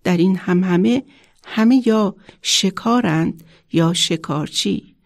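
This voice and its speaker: A wise wind spirit speaks solemnly and instructively in a children's storybook reading, with a woman reader putting on the part. The voice sits mid-pitched with a slightly gravelly grain. It is recorded dry and close. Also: dry recording. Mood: hushed. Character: howling wise wind spirit, guiding and protective.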